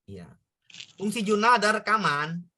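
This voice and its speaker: A man's voice: high voice, very animated, normal speed, bright, forceful tone. A man tutoring students in an online exam-prep lesson, repeating points and checking whether they understand. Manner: repetitive, coaxing questions to students.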